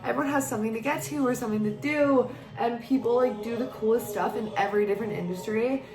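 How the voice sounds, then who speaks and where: A woman's voice: fairly high pitch, fast talker. A woman in her twenties, drunk and giggly, chatting casually and effusively with a friend, rambling and swearing freely. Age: 20s. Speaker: vlogger doing a drinking makeup challenge. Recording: echoey room, music behind.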